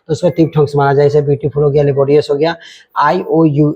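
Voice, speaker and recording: A man's voice: fairly high pitch, little pitch movement, brisk, a little mellow, muffled recording. A man teaching an English grammar lesson, spelling words out letter by letter and checking in often.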